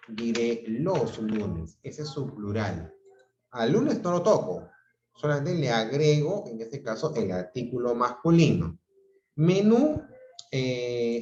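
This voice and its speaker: A male teacher gives an online grammar class in an unhurried, deliberate way, pausing to check that students follow. His voice comes through roomy and a little muffled, like dull lo-fi video call audio. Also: medium pitch, a little mellow. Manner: explains patiently, checks in with "¿ok?" and "¿no?".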